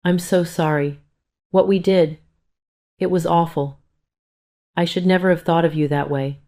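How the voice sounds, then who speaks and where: A woman's voice: lowish voice, steady tone, unhurried, mellow. A woman voicing an adult son, defensive and then ashamed, in a plain read-aloud delivery. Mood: apologetic.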